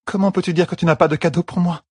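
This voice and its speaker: Guy doing a high soft young noblewoman voice, gentle, a bit husky, storybook reading. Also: fairly even intonation, fast talker, dry recording. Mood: tender. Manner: soft, pleading. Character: young noblewoman heir, pregnant, tender and tearful.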